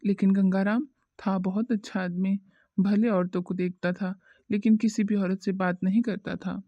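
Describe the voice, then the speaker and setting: A woman's voice: medium pitch, fairly even intonation, normal speed, mellow, no room sound, natural voice. A woman voicing a gossipy, tactless middle-aged village uncle in a cartoon, with a rambling manner and muffled audio. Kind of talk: cartoon voice acting.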